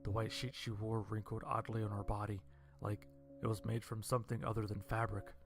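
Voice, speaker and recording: A man narrating a first-person horror story in a dry, deadpan way. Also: lowish voice, brisk, gravelly, soft background music.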